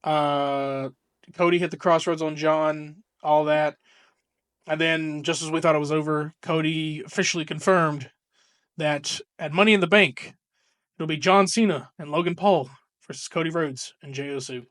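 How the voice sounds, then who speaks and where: A young man co-hosting a casual podcast, rambling excitably and swearing freely as he talks. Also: fairly high pitch, normal speed, dry recording, studio quality. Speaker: podcast co-host. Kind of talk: casual chat.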